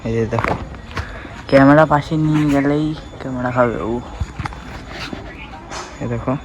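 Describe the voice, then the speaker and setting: A man's voice: mid-range voice, steady tone, normal speed, noisy background. A young man vlogging his day at home, chatting casually to viewers with lots of fillers. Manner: chatty, filler-heavy, addresses viewers as guys. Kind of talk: casual daily vlog. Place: home and outdoors. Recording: home recording with loud background ambience.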